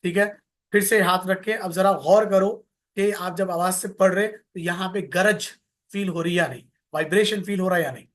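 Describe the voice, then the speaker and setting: A man's voice: sits high, fairly even intonation, moderate pace. A man teaching an online tajweed lesson, repeating letter sounds over and over for his students to copy. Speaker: Quran recitation teacher.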